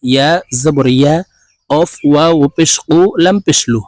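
A man with a Bangladeshi accent teaching Quran reading, spelling each word letter by letter and then chanting it slowly and drawn out. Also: on the high side, steady tone, darkish tone, no echo. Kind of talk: spelling out and slowly reciting Quranic words in a lesson.

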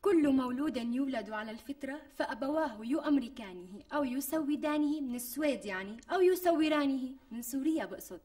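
A woman's voice: sits high, animated, brisk, hardly any pauses, a little mellow. An actress playing a greedy young wife with a Damascene Syrian accent, coaxing and guilt-tripping her fiancé in a TV sitcom. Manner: wheedling, guilt-tripping, indignant bursts. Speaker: scheming bride-to-be. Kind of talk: TV sitcom acting. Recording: distant mic with faint music.

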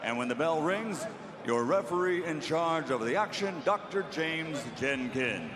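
Booming male boxing ring announcer, high-pitched. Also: lively intonation. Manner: booming showman delivery with drawn-out, shouted names, like a lucha libre announcer. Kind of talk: theatrical fight introductions. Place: boxing ring in a large indoor arena. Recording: arena PA amid loud crowd noise.

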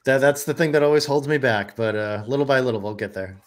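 A man's voice: mid-range voice, quick pace. A middle-aged man hosting a video-call interview over a headset, friendly and a little hesitant. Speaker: host. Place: home office.

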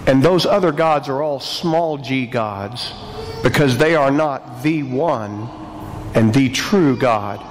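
A man speaking as a priest at a church service, solemn and deliberate, phrase by phrase, with a cathedral echo around his voice. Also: on the high side. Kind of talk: liturgical gospel reading and homily preaching. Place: large church with echoing acoustics. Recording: cathedral-like echo, long reverb, background noise.

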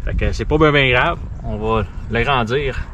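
A man's voice: mid-range voice, normal speed, highs cut off. A man in his forties with a Quebec French accent, chatting casually through a boat project with lots of fillers. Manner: relaxed, chatty, with frequent fillers and restarts. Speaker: sailing vlogger. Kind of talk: casual how-to vlog. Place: outdoors on a sailboat in a boatyard. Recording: noisy outdoor ambience.

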